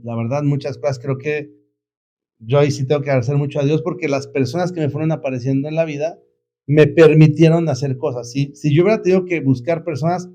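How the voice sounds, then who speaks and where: A man's voice: a little high, dark tone, muffled recording, slight background noise. A middle-aged man, an entrepreneur guest telling his story in a casual, reflective way, rambling with many fillers and restarts. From Mexico.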